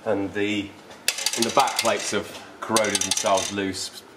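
A mechanic explaining car repairs in a matter-of-fact way, in a workshop. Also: male voice, on the low side, level tone, slow pace, very noisy.

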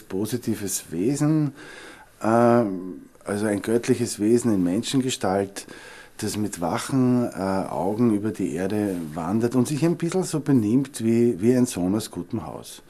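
A middle-aged man explaining a film character in an interview, in a measured way. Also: on the low side, mellow. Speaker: filmmaker in an interview. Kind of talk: making-of interview.

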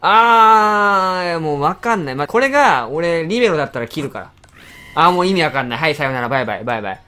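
Animated man reacting to a game. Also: a little high, clean tone, soft background music. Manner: excitable, exclaiming reactions and rapid grumbling. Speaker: game channel host. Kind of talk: live game commentary.

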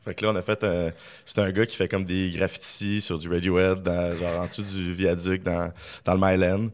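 A man's voice: low voice, flat delivery, moderate pace. A man with a Quebec French accent, a podcast guest who tells rambling anecdotes full of fillers. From Quebec, Canada. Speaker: podcast guest, film director. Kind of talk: casual chat.

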